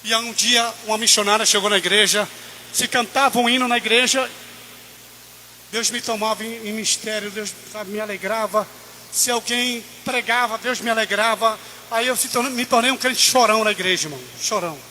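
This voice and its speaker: Male preacher, very high voice, sharp bright tone, impassioned church testimony, faint background hiss. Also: normal speed. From Brazil. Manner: impassioned, rising to near-shouted peaks. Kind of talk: sermon testimony.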